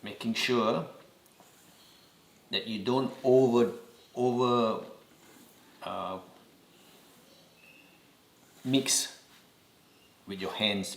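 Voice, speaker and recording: Singaporean man, unhurried cooking lesson, patient repeated tips, roomy kitchen echo. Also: medium pitch, fairly bright tone. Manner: slow, patient instructions with repeated reminders. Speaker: home cooking host. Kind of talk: step-by-step cooking demonstration.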